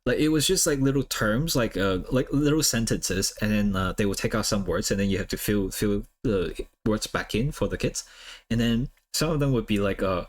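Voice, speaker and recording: Drawing live on stream, a laid-back man from Hong Kong, a native Cantonese speaker, chats at a moderate pace in a lowish voice. His talk wanders and is peppered with "uh" and "like."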